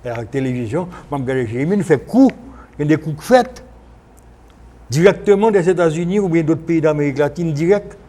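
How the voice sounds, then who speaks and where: A man with a Haitian accent speaking as a guest in an unscripted radio discussion, explaining things in a halting way with repetitions and self-corrections. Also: on the high side, expressive, mellow. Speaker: guest, former senator. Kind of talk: unscripted radio interview discussion, switching between French and Creole. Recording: noisy archive broadcast recording.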